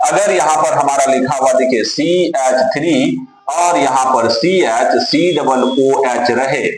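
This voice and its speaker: A man's voice: medium pitch, takes it slowly, a crowd in the background. A man teaching a chemistry lesson to students. He spells names out letter by letter, asks his own questions and answers them, and calls the students dear children. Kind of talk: classroom lecture. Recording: very echoey room with music behind.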